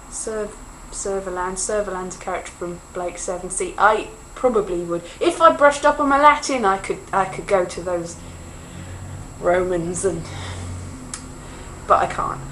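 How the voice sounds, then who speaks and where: Speaking to camera, a woman from Wales drifts through a relaxed vlog monologue full of self-mocking asides. She talks at a measured pace in a mid-range, fairly bright voice, though the recording is poor, with soft hiss underneath.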